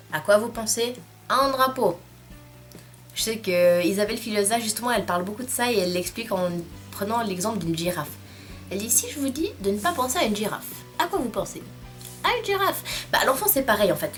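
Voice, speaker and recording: A young woman, talking casually to camera in a vlog and filling her speech with "euh" and "bah". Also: medium pitch. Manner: chatty, many fillers like "euh" and "bah". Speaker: vlogger.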